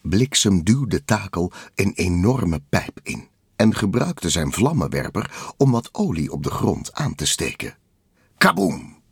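A man narrating a children's storybook in a lively, expressive way. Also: sits low, a little slow, breathy edge, no room sound, clean studio sound. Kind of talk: storybook read-aloud narration.

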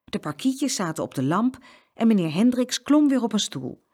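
A woman reading a children's story aloud with an expressive, lively delivery. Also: fairly high pitch, normal speed, breathy edge.

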